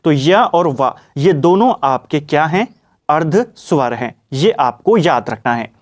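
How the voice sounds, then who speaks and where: A man's voice: fairly high pitch, animated, unhurried. A young man teaching an exam-prep grammar lesson, explaining step by step and often reminding students what to remember. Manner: explanatory, repeats "ठीक है" and "ये आपको याद रखना है".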